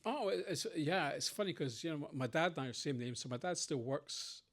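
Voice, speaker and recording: Fast-talking Scottish man telling stories. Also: a little high, animated. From Scotland. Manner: rambling anecdotes with quoted voices. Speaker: panel speaker. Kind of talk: conversational Q&A storytelling.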